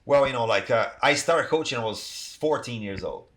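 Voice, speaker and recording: A man's voice: medium pitch, lively intonation, brisk, fairly bright tone. A middle-aged man from Brazil with a Brazilian accent, speaking English, talking casually in a podcast interview and filling his speech with "you know" and "like". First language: Portuguese. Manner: rambling, many "you know, like" fillers. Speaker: guest, athletic trainer.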